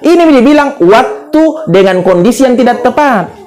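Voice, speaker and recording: A middle-aged man preaching a humorous condolence sermon in a notably high voice, with a clear Makassar accent. He tells his stories like a joker and acts out each side of the dialogue himself. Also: lively intonation, normal speed, darkish tone. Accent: Makassar Indonesian. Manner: joking storyteller acting out dialogue.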